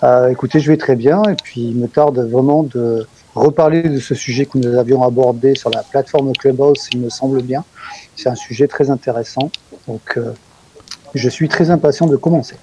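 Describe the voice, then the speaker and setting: A male guest with a dark, mellow tone speaks politely and eagerly. He eases into his lines with hesitant fillers. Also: medium pitch, moderate pace, a little hiss or hum, low-quality recording.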